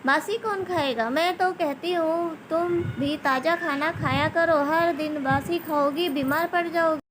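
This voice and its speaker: Brief: woman reading as an outspoken young adult daughter, earnest, chiding, high and unhurried. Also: background noise.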